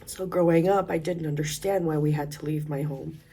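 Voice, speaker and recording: A woman from Colombia sharing a personal faith testimony in a reflective, earnest way, with pauses. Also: low-pitched, fairly even intonation, slightly rough. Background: soft instrumental music.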